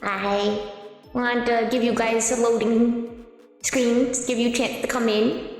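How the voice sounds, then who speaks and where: A woman streamer chatting casually in a soft, low-key, giggly way, her voice ringing with an echoey cave-like sound. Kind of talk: casual live-stream chat.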